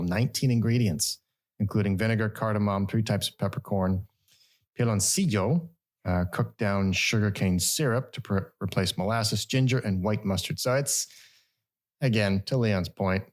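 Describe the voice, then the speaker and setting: A middle-aged podcast co-host reads news stories aloud, adding wry, jokey asides with sudden jumps in pitch.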